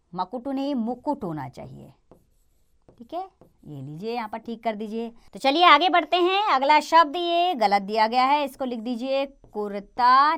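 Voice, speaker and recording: A woman teaching a Hindi lesson for children, speaking slowly, clearly and encouragingly. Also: a little high, a bit bright.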